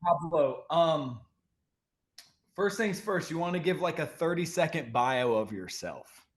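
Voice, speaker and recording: A man's voice: on the high side, expressive, a little slow. A man hosting an interview in an upbeat, friendly manner, with casual slang. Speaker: host.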